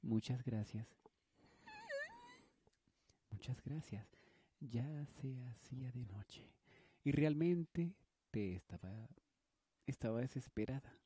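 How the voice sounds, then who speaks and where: A man's voice: mid-range voice, slow, pauses often, warm tone, husky. A man reading the lines of a polite, stubborn runaway teenage girl in a storybook reading. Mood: pleading.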